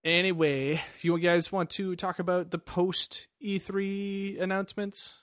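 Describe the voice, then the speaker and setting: A man co-hosting a casual gaming podcast, jokey and quick to slip into silly quoted voices. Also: high voice, flat delivery, a bit bright, dry recording, studio quality. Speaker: podcast co-host.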